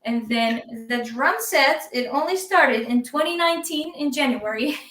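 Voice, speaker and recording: A woman with an Iraqi Arabic accent chats easily as a live stream guest, laughing often and filling pauses with ums. Her voice sits a little high and sounds bright and clear. She is heard on a video call from an echoey room, set back from the microphone. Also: animated. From Iraq. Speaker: guest drummer. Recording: echoey room, distant from the mic.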